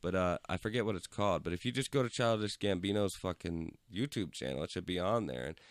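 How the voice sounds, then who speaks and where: Young male podcast host, low-pitched, dry close sound, easygoing and profane. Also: fast, no echo. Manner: laid-back, swears freely, lots of "like" and "dude". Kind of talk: casual chat. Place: indoor room with cameras. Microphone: studio mic.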